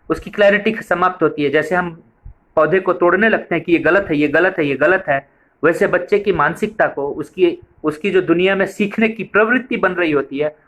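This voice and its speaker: A man's voice: a little high, fairly bright tone. A man giving a training lecture on a preschool method, explaining step by step and repeating points for emphasis.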